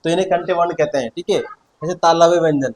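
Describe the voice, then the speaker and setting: A man's voice: on the high side, fast, darkish tone, rough recording. A male teacher explaining Hindi consonants, saying each sound aloud several times and checking in with students as he goes. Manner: explains patiently, repeats sounds aloud, keeps checking in with "theek hai". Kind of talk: Hindi grammar lesson.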